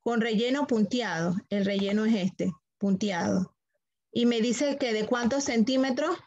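A woman's voice: on the high side, a little slow, darkish tone, no room sound, highs cut off. A woman teaching a computer class online, walking students through steps patiently, repeating them and checking that they follow.

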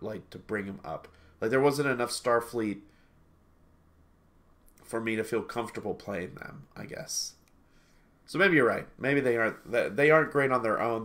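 His voice is on the low side with a fairly bright tone. A man in his thirties who co-hosts game reviews, he's sniffly from allergies and talks through a headset on a video call from a small home room, rambling casually, circling back to correct himself and laughing easily.

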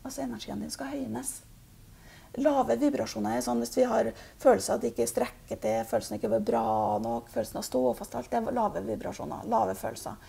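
A woman giving a spiritual reading, speaking calmly and haltingly with many fillers. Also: on the high side, creaky, husky. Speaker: intuitive reader.

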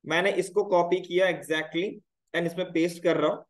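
A man's voice: sits high, steady tone, normal speed, echoey room, poor audio. A man teaching a live programming class, explaining step by step and often checking whether his students follow. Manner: explains step by step, checks in with repeated "clear, brother?". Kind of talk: live coding class tutorial.

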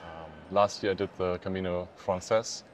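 A German native speaker from Hamburg, a man in his late twenties, answers questions as a pilgrim being interviewed outdoors under a stone arcade, recorded on a lapel mic. His low-pitched voice is steady and at normal speed, and he phrases things simply and hesitantly with fillers. There's slight background noise.

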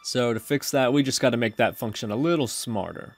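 Narrating a casual screen-recorded coding tutorial, a man explains each step informally and conversationally. He speaks briskly in a mid-range voice over faint music, and the recording is dry.

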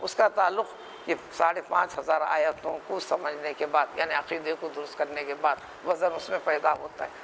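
A Hyderabadi-accented man delivers a religious lecture in a high voice with a gravelly edge. He drives his points home with rhetorical questions and quick mimicry of others. A faint hiss of room ambience sits behind him. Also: steady tone, a bit bright, rough recording. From India. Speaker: Quran scholar.

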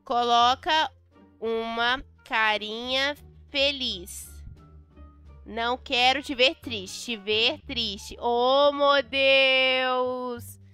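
A woman with a Brazilian Portuguese accent gushes through casual gameplay commentary and reads her own chat messages aloud. Her voice sits high and bright, and she speaks at an unhurried pace. Soft music plays faintly behind her. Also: steady tone, smooth. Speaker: Roblox gameplay vlogger.

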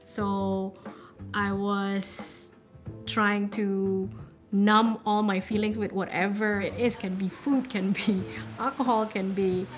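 A woman's voice: medium pitch, fairly even intonation, slow. A woman in her thirties from Indonesia, an entrepreneur, speaking candidly and thoughtfully in a documentary interview. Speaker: entrepreneur and impact investor. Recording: clean documentary audio with music underneath. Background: soft background music.

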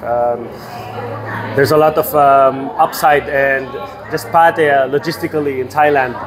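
A man from the Philippines, a real estate guest telling his story in a measured way with many fillers. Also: medium pitch, fairly even intonation, music in the background, rough recording.

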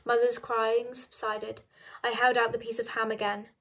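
A woman reading a novel aloud, measured and dropping soft on narration. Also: a little high, level tone. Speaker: reader of a novel.

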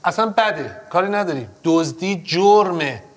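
A man's voice: a little high, animated. An actor playing a stern male judge in a courtroom TV drama, firm and lecturing, repeating his orders.

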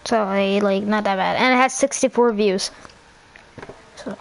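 A woman's voice: medium pitch, unhurried, gravelly, a little hiss or hum, low-quality recording. A woman hosting a small channel, rambling in casual chat, swearing often and groping for words. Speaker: channel host. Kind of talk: casual chat while texting.

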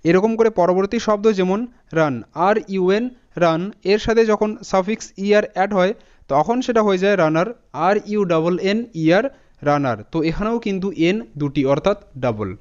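A man teaching an English spelling lesson, spelling words out letter by letter in a steady explaining manner. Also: high voice, normal speed, clear, resonant tone. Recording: dull lo-fi audio.

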